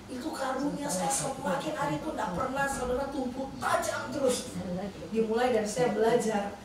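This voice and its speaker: A middle-aged woman, a pastor's wife, telling her testimony in an animated sermon and often turning to address the congregation. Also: high-pitched, normal speed, far from the mic, crowd noise. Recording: very echoey church hall, voice from afar, faint noise.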